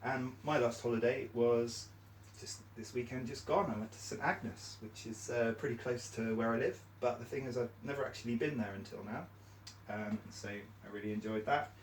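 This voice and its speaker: A man from Cornwall, England, leads a small training session in a friendly, upbeat and encouraging way, using frequent fillers. His medium-pitched voice stays fairly even at a moderate pace. The mic is distant in an echoey room, with slight background noise.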